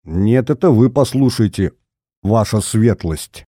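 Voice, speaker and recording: Man playing a sneering ex-agent killer, calm, menacing, mocking, heavier dark voice, dry audiobook sound. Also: on the low side, a little slow, no room sound. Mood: cold mocking.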